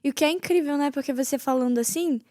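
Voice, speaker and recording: A woman's voice: high-pitched, fast, warm tone, no room sound, clean studio sound. A woman host with a Brazilian Portuguese accent, interviewing with enthusiastic affirmations. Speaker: podcast host. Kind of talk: interview chat.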